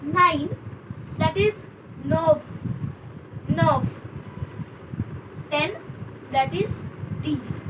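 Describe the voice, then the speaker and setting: A young woman teaching basic French numbers, slowly repeating each word several times. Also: high voice. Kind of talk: basic language lesson. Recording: distant mic with traffic noise.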